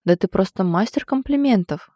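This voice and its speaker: A woman voicing a tipsy, sulky young woman who answers with huffy sarcasm, a little higher and louder than her narration. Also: expressive, moderate pace, no echo, studio quality, natural voice. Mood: sulky, sarcastic.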